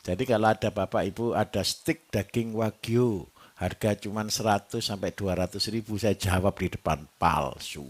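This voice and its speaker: A man's voice: lowish voice, moderate pace. A man with a Javanese accent giving a live workshop lecture to farmers, joking and quizzing his audience as he goes. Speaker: livestock trainer.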